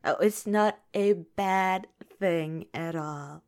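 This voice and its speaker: A woman with a lowish, clear and resonant voice speaks slowly in an ASMR roleplay. She plays a fawning makeup artist who calls the listener darling and honey. She is soft-spoken and now and then drifts into whispers.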